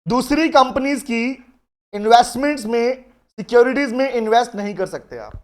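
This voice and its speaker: A man teaching a live online law lecture, joking with his students and dictating definitions slowly, word by word. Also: very high voice, lively intonation. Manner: playful, teasing, calls students 'beta'.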